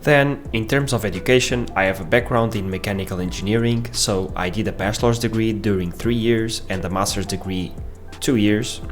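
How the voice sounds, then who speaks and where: A man in his thirties from Portugal with a Portuguese accent, giving a measured, explanatory scripted narration for his own video. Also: lowish voice, soft background music. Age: 30s. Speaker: vlogger.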